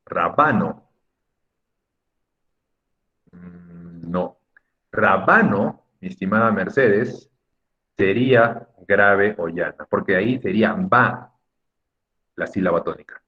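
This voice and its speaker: A man's voice: deep voice, a little slow. A man teaching an online class, patiently coaxing students by name and drawing out words to stress their syllables, over a video call. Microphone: computer mic on a video call. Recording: muffled lo-fi video call audio.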